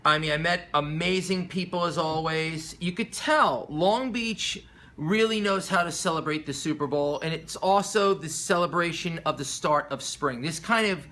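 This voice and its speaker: Enthusiastic man with a bright voice. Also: a little high, normal speed. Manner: enthusiastic, effusive. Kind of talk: casual chat.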